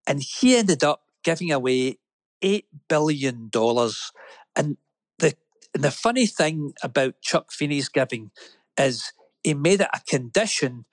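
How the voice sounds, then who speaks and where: A man's voice: on the high side, lively intonation, unhurried, no echo. Earnest man hosting business radio. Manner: earnest, admiring storyteller. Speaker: radio show co-host. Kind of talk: business talk radio chat. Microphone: studio microphone.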